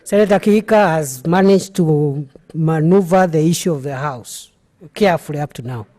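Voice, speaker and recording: A Kenyan man rules on procedure from the chair of a legislature. His voice sits a little high for a man and is soft and mellow, and he proceeds haltingly, repeating himself as he smooths things over. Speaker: speaker presiding over the senate.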